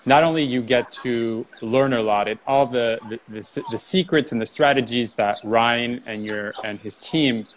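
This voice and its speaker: A man's voice: mid-range voice, a little slow, hardly any pauses, slight background noise, rough recording. Chatty male interview host. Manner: lots of "you know" fillers. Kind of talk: casual interview talk.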